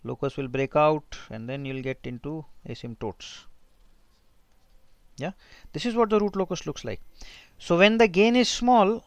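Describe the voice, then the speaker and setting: Male lecturer, North Indian accent, informal think-aloud teaching, crisp voice, dry close sound. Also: fairly high pitch, unhurried, pauses often, no echo. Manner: informal, thinking aloud, mixing in Hindi asides. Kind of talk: technical lecture with handwritten working.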